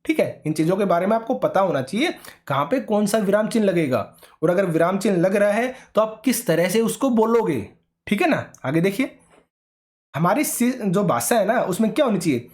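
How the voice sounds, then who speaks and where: A man's voice: high voice, sing-song, normal speed, darkish tone. A man teaching an online exam-prep lecture, explaining step by step and often checking in with his students.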